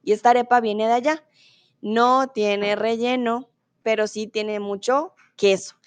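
Reading out student comments with laughter, this friendly Bogotá teacher leads a live online Spanish lesson in neutral Bogotá Colombian Spanish. She speaks a little slowly with a slightly high voice and fairly even intonation, recorded clean and dry.

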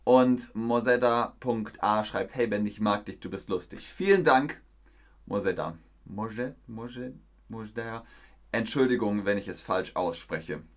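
A man teaching a live-streamed language lesson, repeating words slowly and praising his viewers. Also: lowish voice. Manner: slow, repetitive, encouraging teacher talk. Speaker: German teacher.

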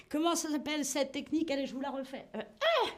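A high-voiced woman leads a live online French lesson. She keeps it lively, acts out tennis strokes with short grunts, and turns to greet and answer viewers in the chat by name. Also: a little fast. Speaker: French teacher.

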